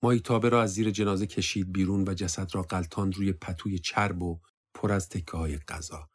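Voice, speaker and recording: A man with a husky voice giving a steady, sombre audiobook reading of a war story, lightly voicing the dialogue. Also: low voice.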